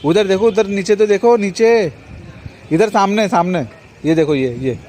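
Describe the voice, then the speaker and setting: Young dad from western up, high voice, gentle and playful with his kid, loud street noise on a phone clip. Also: a little slow. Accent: Hindi-Urdu from western Uttar Pradesh. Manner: coaxing, gentle, playful with a small child. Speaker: vlogger and father. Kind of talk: casual vlog, talking to his toddler. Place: outdoors by a street market.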